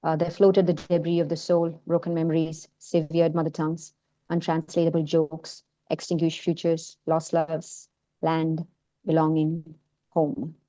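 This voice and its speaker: Speaking in a low, dark monotone at a measured pace, a Malayalam-speaking woman with a combined Indian and American accent presents her film work informally online. Her talk is hesitant, filled with fillers and restarts, and the audio quality is poor.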